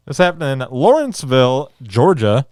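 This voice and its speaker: A man reads news stories aloud on a podcast and breaks off into sarcastic, crude jokes. His pitch swings widely as he goes. The sound is dry and close, with no room echo. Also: very animated, moderate pace, darkish tone. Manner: sarcastic, swearing, reads articles and riffs on them. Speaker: podcast co-host. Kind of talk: casual podcast chat reading news aloud.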